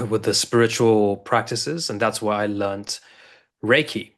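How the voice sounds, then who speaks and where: Guy in his 30s, lowish voice, rambly, keeps restarting sentences, interview guest. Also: slow, fairly bright tone. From South Africa. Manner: loose and rambling, many restarts. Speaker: guest, integration coach. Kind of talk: casual interview talk.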